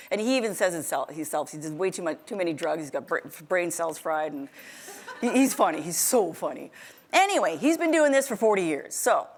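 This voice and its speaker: A middle-aged woman giving a motivational keynote, telling stories in a chatty, animated way, restarting sentences often and laughing a lot. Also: medium pitch. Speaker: keynote speaker. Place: event stage before an audience.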